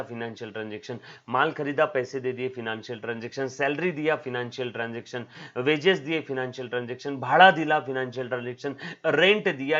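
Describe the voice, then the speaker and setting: A man's voice: mid-range voice, a bit bright. A man teaching a commerce class on video, repeating his points over and over and calling the students "beta". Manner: repetitive, drilling, calls students "beta". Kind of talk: recorded video lecture. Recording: slightly dull lo-fi sound.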